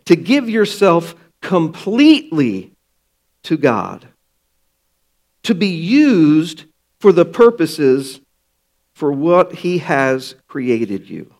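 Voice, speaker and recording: Male pastor, sermon delivery, unhurried and emphatic, slightly high voice. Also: very animated, a little mellow. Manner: slow, emphatic preaching with dramatic pauses.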